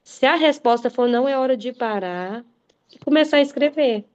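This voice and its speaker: A woman delivers a motivational talk with a fairly high voice, pressing each point with emphatic, preacherly conviction. She speaks straight to her listeners. The recording is dull and muffled. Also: animated, normal speed, clear, resonant tone. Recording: muffled lo-fi sound.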